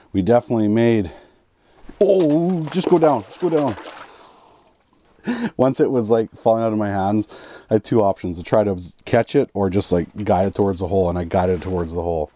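A man in his thirties giving excited running commentary while ice fishing inside a small shelter. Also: lowish voice. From Canada. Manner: excited running play-by-play, chuckling. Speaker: fishing vlogger. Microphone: camera clipped to his cap and a fixed camera.

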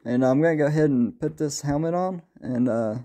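A man's voice: fairly high pitch, a little fast, mellow. A man talking casually through a how-to vlog in a laid-back, folksy, plain-spoken way, using a mic mounted on a motorcycle helmet. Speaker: motovlogger. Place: indoors at a dining table. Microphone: helmet-mounted mic by the camera.

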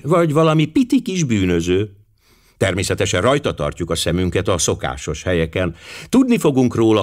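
A man doing a bluff, eager police inspector. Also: lowish voice.

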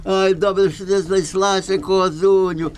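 High-voiced, wheedling village peddler. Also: male voice, little pitch movement, measured pace, noisy background. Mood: anxious, then relieved. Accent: Galician western Ukrainian. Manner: exclaiming, folksy, appealing to the crowd. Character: pleading, wheedling village peddler trying to sell his goat. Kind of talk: folk puppet theatre performance.

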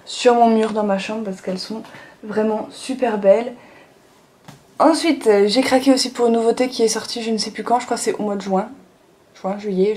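A woman's voice: mid-range voice, a little mellow. A young woman chatting casually through a manga haul video, filling her talk with small fillers. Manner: chatty, many fillers and "donc voilà". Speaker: manga vlogger. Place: sunny room at home.

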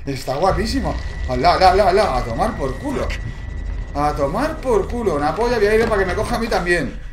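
Panicky, swearing gamer. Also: male voice, high voice, lively intonation, a little fast, slight background noise. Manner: panicky, swearing, shouting in fright. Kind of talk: horror game let's-play commentary. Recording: echoey room.

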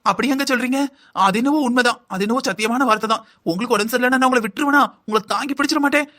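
A man's voice: very high voice, rapid-fire, bright, forceful tone. A man voicing a lazy, scheming young wife in a cartoon, whining and complaining in long sing-song lists. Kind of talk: cartoon voice acting.

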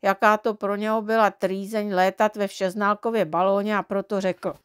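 Lady reading a kids' book aloud, expressive, dry close sound. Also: mid-range voice, clear, resonant tone, no room sound. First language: Czech. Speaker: audiobook reader. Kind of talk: storybook reading for children.

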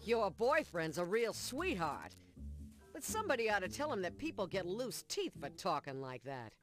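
A woman's voice: medium pitch, wildly swooping pitch, normal speed, faint music behind. An actress voicing a burly female monster bouncer in a cartoon adventure game, tough and sarcastic, talking in gangster slang.

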